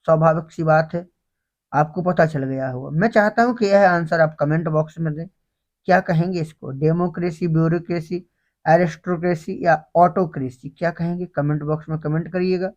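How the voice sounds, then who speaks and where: A man's voice: a little high, fairly even intonation, a little mellow, dull audio. A man teaching English vocabulary for an exam in Hindi, asking students questions and then answering them himself. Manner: reads English slowly, then explains in Hindi. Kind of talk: exam-prep grammar lesson.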